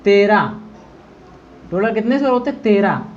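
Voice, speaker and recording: A man's voice: high-pitched, expressive, moderate pace, highs cut off. Man teaching an exam-prep lesson. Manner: repeats filler confirmations and asks students questions.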